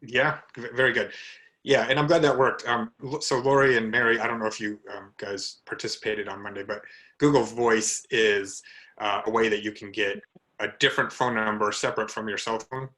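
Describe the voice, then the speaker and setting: A man's voice: lowish voice, fairly even intonation, normal speed, sharp tone, poor audio. A man hosting a video meeting on special education, talking in a friendly, encouraging way with fillers. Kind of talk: casual video meeting talk. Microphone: video call.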